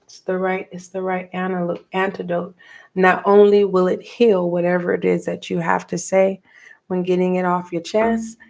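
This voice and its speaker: A middle-aged woman giving a tarot reading for viewers, talking softly and slowly and pausing as she reads the cards aloud. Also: lowish voice, little pitch movement, gravelly. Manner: slow, soft and meditative, reading cards aloud with pauses. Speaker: tarot reader.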